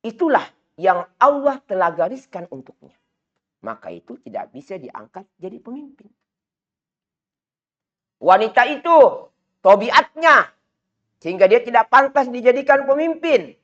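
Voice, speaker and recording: A man with a Makassar Indonesian accent giving a religious lecture, emphatic and repetitive, climbing higher to stress his points. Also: big pitch swings, normal speed. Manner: emphatic, repetitive, rising to raised pitch for stress. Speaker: Islamic teacher. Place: study hall. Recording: dull lo-fi recording.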